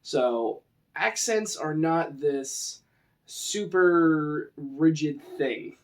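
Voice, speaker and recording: Drawing out his words in a fairly high voice, this man from the western United States teaches tabletop roleplaying informally. His accent is Western American and his tone conversational.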